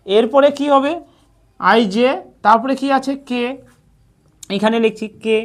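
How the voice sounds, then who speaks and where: A woman teaches a beginners' lesson in a patient, repetitive way. She asks a question, pauses, then answers it herself. She keeps checking in with the same short "all right" phrase. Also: a little high. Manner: repeats "ঠিক আছে" often. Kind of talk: scripted narration.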